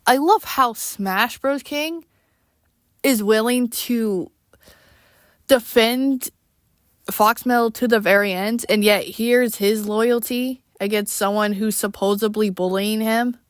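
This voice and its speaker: A woman in a casual, unscripted rant to viewers, speaking in a weary, exasperated and halting way. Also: on the high side, no echo, clean studio sound. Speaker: online creator addressing viewers.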